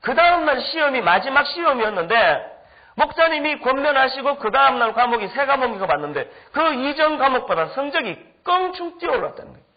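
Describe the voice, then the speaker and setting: Animated high-voiced male pastor, lo-fi. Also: a little fast. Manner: animated, humorous anecdotes with acted-out quotes. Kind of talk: storytelling sermon. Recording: dull lo-fi recording.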